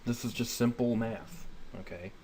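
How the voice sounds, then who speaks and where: This informal Bible study comes from a man in his thirties with a mid-range voice at a moderate pace. He reads scripture and explains it in plain terms, one step at a time, often checking that people follow, over a noisy homemade recording.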